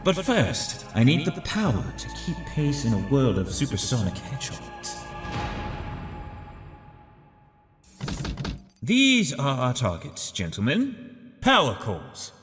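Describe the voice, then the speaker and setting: A man's voice: mid-range voice, wildly swooping pitch, measured pace. A man voicing a vain, scheming villain doctor in a comic dub, with pompous, theatrical, articulate delivery. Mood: grandiose scheming. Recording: music behind the voice.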